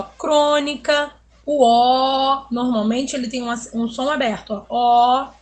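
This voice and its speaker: A woman teaches a children's video lesson in a fairly high voice. She goes slowly and patiently, drawing out vowels and example words so young pupils can hear them. She keeps checking in with her class as she explains. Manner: ends phrases with "tá?" checking in with pupils. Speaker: primary school teacher.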